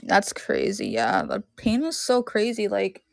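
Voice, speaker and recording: A woman's voice: medium pitch, wildly swooping pitch, measured pace, gravelly, dry recording, studio quality. Rambling woman in her thirties. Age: 30s. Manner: rambling, heavy use of "like". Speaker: live-stream seller. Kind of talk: casual chat on a live stream. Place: at home in her room.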